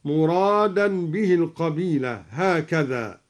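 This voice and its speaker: A man explaining Quranic reading variants in a measured, scholarly way and chanting each verse slowly and melodically as an example. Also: on the high side, expressive. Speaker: Quran recitation teacher introducing radio episodes. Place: radio studio.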